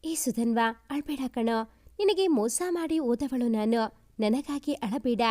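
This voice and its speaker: A woman voicing a remorseful young woman who is gravely ill, read as a storybook letter in a soft, pleading tone. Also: fairly high pitch, measured pace, close to an everyday voice. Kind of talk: storybook narration.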